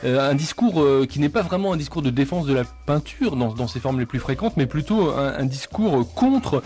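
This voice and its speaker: A man co-hosting a radio panel discussion, framing long questions with many pauses and restarts. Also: mid-range voice, lively intonation, darkish tone, soft background music. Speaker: radio co-host.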